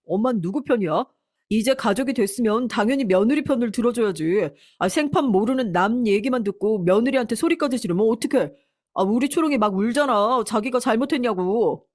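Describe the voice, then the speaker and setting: A woman's voice: on the high side, lively intonation, brisk, darkish tone, voice pushed up. Woman playing a sulky, indignant grown son. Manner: whining, accusing.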